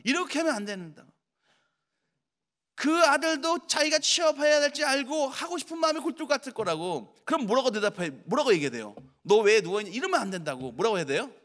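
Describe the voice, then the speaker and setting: Animated high-voiced male pastor preaching. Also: a little fast. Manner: animated, acts out quoted mothers and children in lively voices. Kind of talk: sermon. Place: church.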